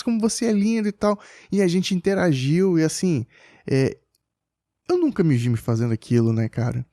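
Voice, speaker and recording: A man's voice: medium pitch, warm tone, dry recording, studio quality. A man tells a personal story as a father in a casual podcast chat, hesitant and full of restarts.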